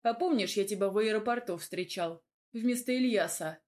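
A man's voice: sits high, normal speed, close to an everyday voice. A woman reading a blunt, teasing young man in an audiobook. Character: teasing, possessive young man, the heroine's lover.

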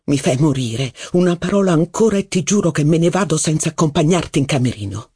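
A man voicing a jealous, gloomy young aristocratic officer in an audiobook, speaking slowly. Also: fairly high pitch, animated, darkish tone, breathy edge, no room sound, studio quality. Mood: pleading. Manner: slow, brooding, pleading. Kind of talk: audiobook character voice.

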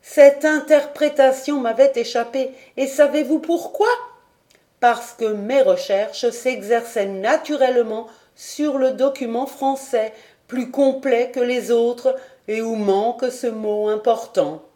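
A woman reading aloud, voicing an excitable learned male geographer who explains his theory with eager emphasis. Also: on the high side, slow pace, pitched above the performer's own voice.

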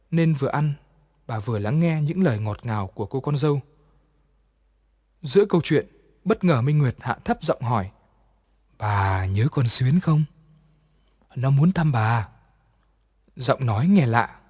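A man narrating a ghost story in an even, measured way. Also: medium pitch, slightly rough. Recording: long reverb.

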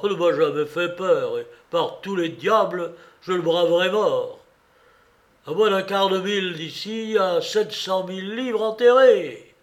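A man voicing an old pirate chief, loud and blustering as he forces his courage, in a dramatic novel reading. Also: a little high. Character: old one-legged pirate chief, scheming, defiant.

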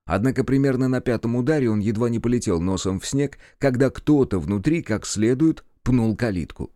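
A man narrating a first-person audiobook in a calm, measured way. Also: medium pitch, no echo, clean studio sound.

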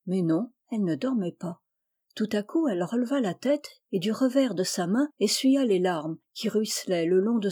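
A woman narrating a storybook in a calm, measured reading voice. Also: medium pitch, breathy edge. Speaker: audiobook reader.

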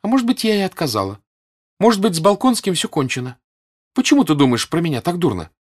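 A man's voice: lively intonation, moderate pace. A man reading an audiobook and voicing a passionate, desperate young noblewoman who cries out and pleads. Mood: anguished. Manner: shrill, crying out.

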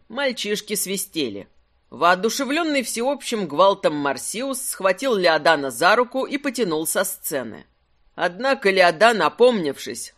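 Audiobook narrator, measured, expressive, mid-range voice, fantasy reading. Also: medium pitch.

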